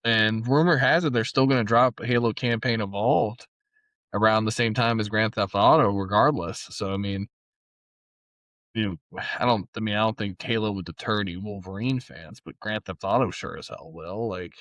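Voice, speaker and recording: Young male podcast co-host, lowish voice, excitable and slangy, dry sound. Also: normal speed, no echo, highs cut off. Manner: excitable, slangy, curses casually. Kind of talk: casual gaming podcast chat.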